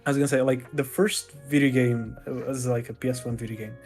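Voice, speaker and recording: A man in a casual podcast chat who talks hesitantly, leaning on fillers and restarting his sentences. His pitch sits in the middle range. Faint music plays underneath. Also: steady tone, brisk, darkish tone. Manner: hesitant, laughing, many fillers. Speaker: podcast co-host.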